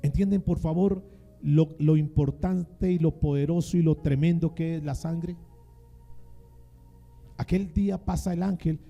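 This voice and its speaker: A male pastor delivers a dramatic sermon in a fairly high, gravelly voice with a dark, mellow tone. He asks the congregation questions and calls on them to repeat his phrases. Faint music plays behind him. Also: fairly even intonation, unhurried, pauses often, muffled recording. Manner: dramatic call-and-response preaching.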